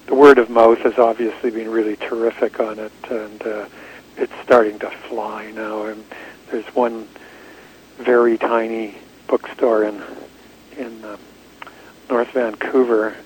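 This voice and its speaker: A man, a publisher being interviewed, chatting in a relaxed way with repeated words. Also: medium pitch, a little hiss or hum, poor audio. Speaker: book publisher and author, interview guest. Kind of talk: casual chat.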